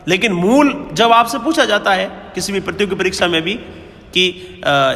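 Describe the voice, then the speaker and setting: In a large hall, a man lectures on Hindi grammar in a classroom style, his voice high, pushed and bright. Patient in his explanations, he often checks on his students with questions like "है ना?" and "ठीक है?".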